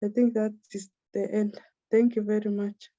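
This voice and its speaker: A woman presenting a prepared plan in a steady, formal, list-like reading. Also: medium pitch, moderate pace, no room sound, dull audio.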